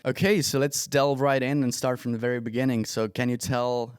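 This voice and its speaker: A man's voice: mid-range voice, fairly even intonation, fairly quick, smooth, dry recording, clean studio sound. A man hosting a podcast, asking questions in a friendly way, laughing easily and using many fillers. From Estonia. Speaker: podcast host. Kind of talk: casual interview chat.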